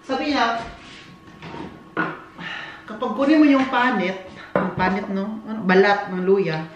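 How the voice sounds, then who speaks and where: A woman from the Philippines, rambling chattily as she cooks and talks to her viewers. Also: medium pitch. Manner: rambling, chatty, laughs often. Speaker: vlogger. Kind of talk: casual cooking chat. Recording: echoey room with loud background noise.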